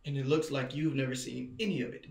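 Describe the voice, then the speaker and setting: A man's voice: steady tone, fast talker, vocal fry, darkish tone, close to an everyday voice. A young man playing a nervous, awkward Hansel. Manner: low-key, hesitant. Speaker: actor in an indie drama. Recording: echoey room, far from mic, faint noise.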